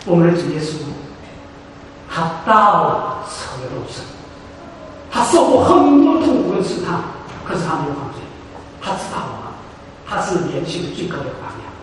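A man's voice: sits high, big pitch swings, normal speed, pauses often, a little hiss or hum. A man preaching a sermon, emphatic, repeating phrases for stress. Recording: echoey hall, voice from far off.

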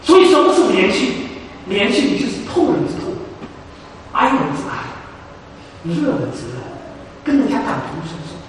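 Male preacher, animated delivery swinging up and down, distant mic in a reverberant church hall with faint noise. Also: high voice, moderate pace, pauses often. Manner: emphatic, repeats phrases for stress. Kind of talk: sermon. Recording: echoey hall, voice from far off.

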